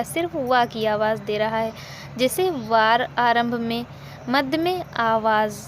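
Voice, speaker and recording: Faint background noise underlies this language lesson, taught by a woman whose voice is fairly high. She goes very slowly and deliberately, saying each example twice and answering her own questions.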